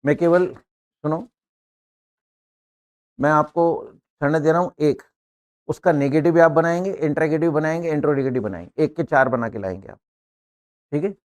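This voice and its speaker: A man teaching an English lesson to a class, explaining words and pronunciation step by step and often checking with "है ना?". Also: a little high. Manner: explains slowly, often asks "है ना?".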